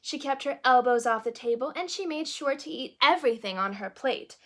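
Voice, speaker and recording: Fairly quick and high-voiced, a woman narrates a children's storybook expressively in character as a princess, with small asides directed at young listeners.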